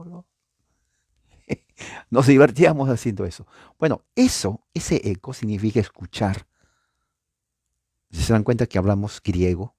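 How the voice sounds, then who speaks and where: A man preaching a Bible teaching, talking to his listeners with rhetorical questions and sudden rises in pitch for emphasis. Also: clean studio sound. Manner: animated, pitch jumps up for emphasis and acted-out echoes.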